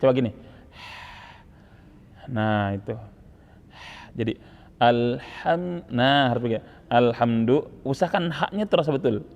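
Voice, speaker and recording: A man with a medium-pitched, creaky, slightly mellow voice teaches Quran recitation unhurriedly, with lively intonation and long pauses. He corrects pronunciation and models sounds again and again in a teasing way, recorded with hall reverb and faint ambient noise.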